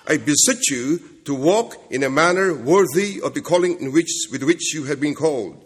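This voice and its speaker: A man's voice: a little high, animated, moderate pace, slightly rough. A man preaching an expository sermon with emphatic repetition, often checking in with short rhetorical questions. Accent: non-standard accent, self-described jokingly as Kentucky. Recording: echoey hall with long reverb.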